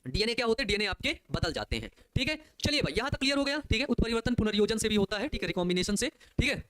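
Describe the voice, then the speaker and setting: A man teaching an online biology class, talking fast and chattily. His voice sits high for a man, and the close, dry sound carries no room echo. He keeps tossing in quick "okay" and "you get it?" checks while calling the students dear children. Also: sing-song, fairly bright tone, clean tone. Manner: rapid, repetitive, keeps saying "okay" and "isn't it", addresses students fondly.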